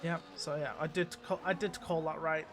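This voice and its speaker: High-voiced chatty race commentator man. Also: little pitch movement, normal speed, a bit bright, a little hiss or hum. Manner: chatty, restarts and apologises. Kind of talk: live sim racing commentary.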